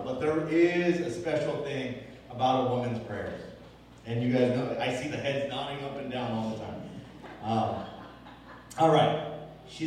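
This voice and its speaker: A young male pastor giving a relaxed, conversational Bible teaching, asking the room questions and chuckling often. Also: on the high side, slight background noise. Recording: echoey hall from far off.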